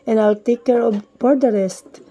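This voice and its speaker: A woman's voice: a little high, measured pace, mellow, highs cut off. A woman voicing a lovesick young woman pleading. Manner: pleading, emotional.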